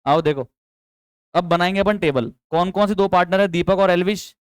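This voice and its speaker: Young male teacher with a high, smooth voice. Chatty coaching tone that keeps drilling students with questions, recorded close and dry. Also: normal speed, no room sound. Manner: chatty, coaxing, quizzes students with repeated questions; mixes English terms into speech. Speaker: accountancy teacher. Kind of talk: classroom lecture.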